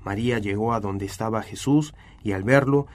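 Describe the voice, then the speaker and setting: A man giving a scripture reading aloud in a steady, even-toned way. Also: lowish voice, moderate pace. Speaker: Bible reader.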